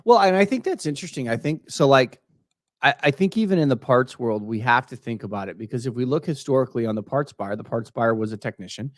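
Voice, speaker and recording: Animated man in his thirties. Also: mid-range voice, fast talker, dry recording, studio quality. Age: 30s. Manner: animated, many restarts and repeated words. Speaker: podcast co-host. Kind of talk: casual podcast chat.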